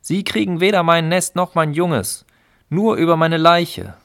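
A man's voice: medium pitch, lively intonation, normal speed, vocal fry. A man voicing a polite, determined female sparrow in a storybook reading. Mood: defiant. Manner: polite then resolute. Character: brave female sparrow, friendly, determined mother.

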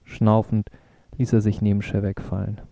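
A man reading a novel aloud in a steady, even manner. His voice is low, deeply dark and mellow, with a gravelly grain, recorded close and dry. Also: moderate pace, dry recording. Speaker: narrator. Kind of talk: audiobook reading.

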